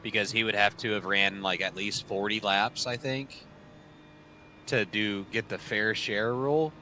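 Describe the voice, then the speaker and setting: A man's voice: lowish voice, steady tone, a little slow, bright, forceful tone, a little hiss or hum. A man in his thirties streaming sim racing from home, rambling casually to viewers with dry sarcasm and lots of fillers.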